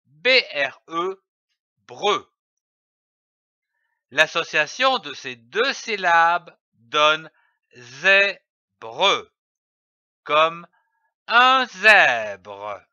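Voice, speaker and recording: A man teaching children to read, spelling out letters and syllables slowly and carefully. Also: on the high side, sing-song, bright, forceful tone, clear, resonant tone, no echo, lo-fi sound. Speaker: reading teacher. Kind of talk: slow syllable-by-syllable phonics lesson.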